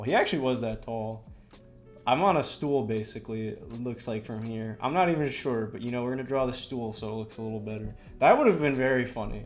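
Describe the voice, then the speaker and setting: A young man, a streamer, telling a story in a casual, rambling way while he draws. He swears a lot and fills his talk with lots of "like" and "you know". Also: mid-range voice.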